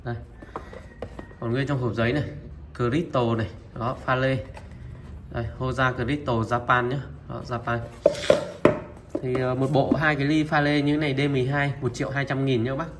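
A man of middle pitch presents second-hand Japanese wares one after another and opens almost every sentence with the same pointing word. He speaks to his viewers familiarly and pauses with filler sounds as he goes. Dishes and cutlery clink in the noisy background. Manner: steady, repetitive, opens nearly every line with a pointing word. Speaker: seller of used Japanese goods. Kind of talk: product showcase sales talk.

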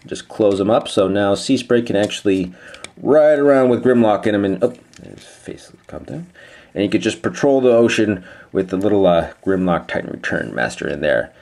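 A man casually reviewing a toy, rambling a bit and pausing with frequent fillers. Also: fairly low pitch, darkish tone.

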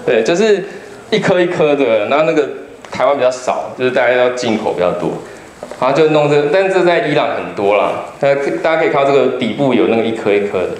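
Speaking fast with a mid-range voice and lively intonation, this travel writer and public lecturer in his thirties, from Kaohsiung and carrying a Taiwanese Mandarin accent, delivers a funny slide talk. He chats, tells stories, and jokes with the crowd, in a roomy lecture hall with faint background noise.

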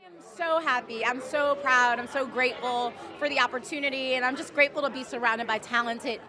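Her high voice stays steady and moves a little fast as this actress in her thirties gushes through an outdoor red carpet interview. Bubbly and effusive, she talks into a handheld mic while a crowd chatters in the background.

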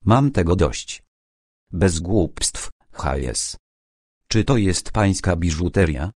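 Retired detective, older man, deep and unhurried, dry irony, as an audiobook reader puts him on. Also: expressive, darkish tone, breathy edge, dry recording, heavily acted. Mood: stern. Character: calm ironic retired older British detective.

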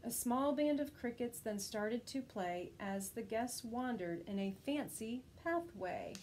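A woman's voice: on the high side, measured pace, slight background noise, low-quality recording. A woman teacher reading a rhyming children's picture book aloud, lifting her voice for the characters. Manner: expressive rhyming storytelling, lifts her voice for quoted characters.

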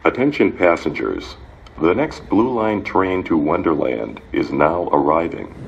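A man giving recorded train and station announcements in a measured, formal way. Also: big pitch swings, gravelly, muffled recording. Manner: measured, formal, evenly spaced phrases. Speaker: transit announcer. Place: on subway trains and platforms. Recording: announcements captured over rumbling train noise.

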